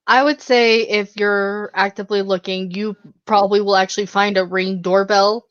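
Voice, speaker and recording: A woman's voice: medium pitch, steady tone, normal speed, dry recording. A woman narrating a tabletop game as game master, in a casual, chatty way. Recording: dull lo-fi, dry.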